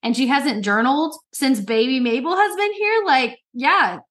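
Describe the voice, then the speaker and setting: A woman's voice: sits high, animated, moderate pace, fairly bright tone. A woman co-hosting a faith podcast, explaining in an encouraging, casual way with "like" fillers. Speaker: podcast co-host.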